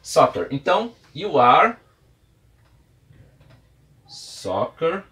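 His voice a little high and somewhat bright, with big pitch swings and drawn-out words, a Brazilian Portuguese-accented man teaches English at a whiteboard. He lays things out patiently in steps with examples, writing and erasing on the board as he talks.

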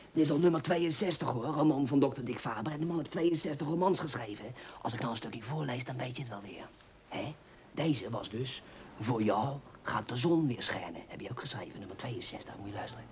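Actor doing a pushy fan, leering, overfamiliar, sly whispered asides, mid-pitched, faint hiss behind, film comedy sketch. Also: close to an everyday voice. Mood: insistent. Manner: insistent, keeps nudging with "hè?" and drops into sly whispers. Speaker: fan at a book signing.

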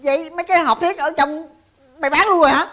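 A woman's voice: very high voice, fast. A woman with a Southern Vietnamese accent playing a stingy, suspicious older sibling, accusing and whiny. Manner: accusing and whiny, swings from pleading to shouting. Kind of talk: rural family TV drama.

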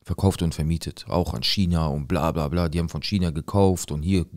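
A man with a deep, low-pitched voice tells a true story from his own life in a loose, conversational way. His speech is blunt and full of street slang. He acts out the other people's lines as he goes. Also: fairly even intonation, fairly quick, a little mellow. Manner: street slang, plain and direct; acts out quoted lines in the tale. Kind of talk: casual first-person storytelling.

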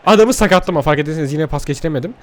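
A young man giving excitable, frustrated commentary over his own gameplay, talking to the players on screen. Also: a little high, racing. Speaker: gaming youtuber.

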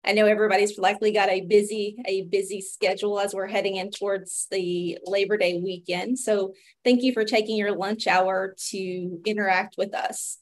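A woman's voice: medium pitch, little pitch movement, normal speed. Appalachian woman presenting on a webinar. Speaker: webinar host, physician and pharmacist. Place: video call, indoors.

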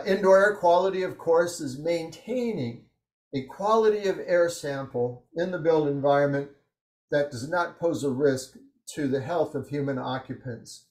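Man presenting a technical webinar, roomy sound. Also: on the high side. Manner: steady explanatory delivery with frequent "uh" fillers. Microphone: video call.

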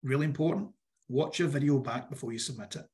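Croaky-voiced man giving workshop advice. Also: medium pitch, fast, a little mellow. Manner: direct, instructive, repeats key advice. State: croaky voice, clearing his throat. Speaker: workshop presenter for a business funding competition. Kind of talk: online workshop presentation.

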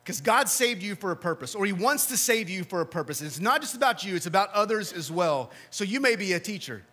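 A male pastor preaching an earnest sermon in church, dropping soft and low to stress key lines. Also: big pitch swings, fast talker. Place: church sanctuary.

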